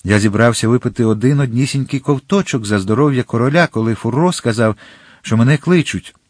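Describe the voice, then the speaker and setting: A man's voice: medium pitch, fairly quick, no echo, studio quality, pitched above the performer's own voice, natural voice. A man voicing a frightened servant in an audiobook, speaking timidly. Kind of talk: audiobook character reading.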